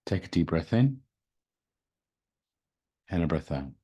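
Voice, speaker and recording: A man speaking as a spiritual host, leading a guided meditation in a gentle, soothing, unhurried manner. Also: low voice, sing-song, slightly rough, highs cut off. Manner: slow, soothing, gentle delivery. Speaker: podcast host and spiritual reader.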